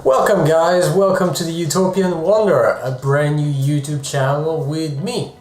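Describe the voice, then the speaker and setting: A man's voice: a little high, steady tone, moderate pace, darkish tone, roomy sound, faint music behind. A man from France, a travel vlogger and photographer, talking casually to the camera in a chatty way, breaking off for joking asides. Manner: chatty, self-interrupting, jokey asides.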